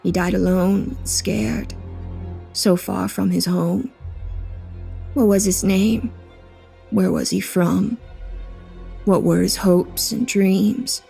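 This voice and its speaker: A man voicing a sorrowful old woman who speaks slowly, softly and mournfully. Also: high voice, steady tone, creaky, faint music behind, pitched above the performer's own voice, exaggerated voice. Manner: slow, soft and mournful.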